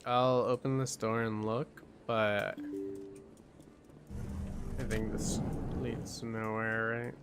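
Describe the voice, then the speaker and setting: On the low side and barely moving in pitch, this tired young man's voice drifts slowly with frequent pauses. He yawns, muses and mutters while streaming a game casually, with game music under his voice.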